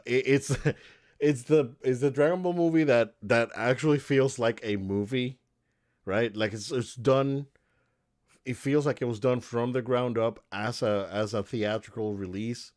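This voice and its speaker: A man's voice: mid-range voice, a little slow, darkish tone. A man co-hosting a podcast, chatting casually and enthusiastically about movies, with many restarts and fillers. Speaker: podcast co-host.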